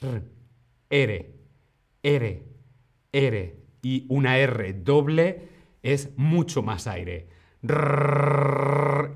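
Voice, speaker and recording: Slow, patient man teaching pronunciation. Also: mid-range voice, creaky, noisy background. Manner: slow, patient, repeats words for learners to echo; reassuring, addresses viewers by name. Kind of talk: live-streamed pronunciation lesson.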